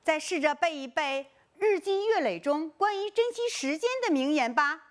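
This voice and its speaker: High, animated woman teaching young children. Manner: lively, coaxing classroom delivery with drawn-out task titles. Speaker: primary school teacher. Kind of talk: recorded online lesson for first graders.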